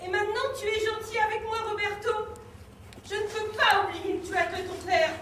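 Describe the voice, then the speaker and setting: A woman's voice: extremely high pitch, fairly even intonation, moderate pace, a bit bright. A woman playing a bitter frightened mother. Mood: grieving. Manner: scornful outbursts and frightened pleading. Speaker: amateur stage actress. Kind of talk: live stage play. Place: theatre stage. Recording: echoey room from far off, faint noise.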